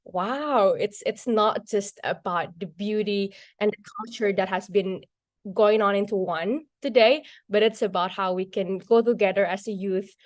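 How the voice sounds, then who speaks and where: A woman's voice: mid-range voice, measured pace, no echo, clean studio sound. A young woman moderating a live online workshop over a video call, upbeat and chatty with many casual fillers. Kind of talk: live online event hosting.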